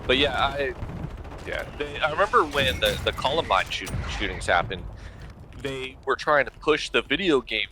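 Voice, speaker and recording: Animated, indignant man over gunfire. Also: mid-range voice, normal speed. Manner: indignant, profane, emphatic. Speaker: gaming friend. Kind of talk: casual gaming chat. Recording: noisy game audio behind.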